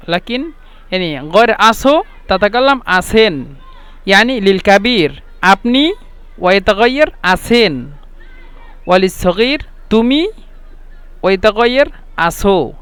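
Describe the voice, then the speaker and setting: Guy teaching phrases, high smooth voice, says yani a lot. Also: fairly bright tone, no echo. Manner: speaks colloquial Arabic, frequent "yani". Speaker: language teacher. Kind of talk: language lesson, repeating phrases slowly.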